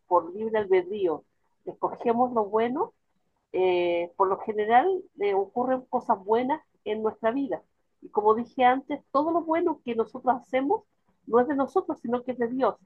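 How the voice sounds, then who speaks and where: A woman's voice: fairly high pitch, breathy edge, no echo, phone-quality sound. A woman sharing her view in a church study group, speaking hesitantly with many fillers. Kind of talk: casual church group discussion.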